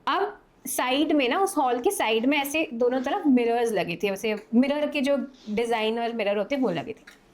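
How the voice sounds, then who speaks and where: A young woman with a high voice narrates a horror tale in relaxed, conversational storytelling. She is animated and slips into the voices of the characters as she goes. The delivery stays informal, as in a chat on a podcast. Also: normal speed. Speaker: podcast guest telling horror stories. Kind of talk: casual spoken storytelling.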